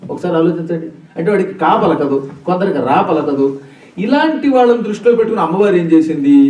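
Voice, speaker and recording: An older man with a Telugu accent delivers a religious discourse in a teacherly way, posing questions and then answering them himself. His voice is high-pitched yet mellow. He is recorded from a distance in an echoing hall. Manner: teacherly, demonstrates sounds, asks and answers his own questions.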